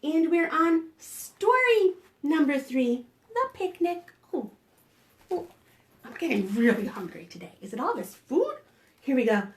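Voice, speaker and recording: In her role as storytime host, a woman reads expressively to preschoolers and coaxes them with questions. She speaks a little slowly, in a high, sing-song voice.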